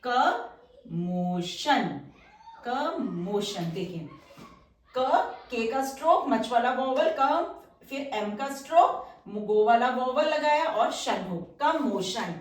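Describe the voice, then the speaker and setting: A woman with a high voice teaches shorthand patiently, walking through each outline step by step. She repeats words slowly while she writes. Her voice comes from a little way off the mic in a roomy, echoing space. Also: expressive. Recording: roomy echo, mic somewhat distant.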